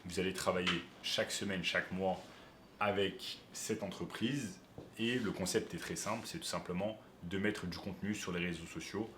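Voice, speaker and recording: A man's voice: deep voice, steady tone, normal speed, echoey room, noisy background. A man who coaches online business, explaining step by step to viewers during a screen-share tutorial.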